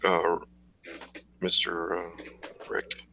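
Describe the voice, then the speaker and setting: A man's voice: low-pitched, monotone, very slow, sharp tone, slight background noise. A man drawing live on stream, muttering to himself as he works. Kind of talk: casual live-stream chat.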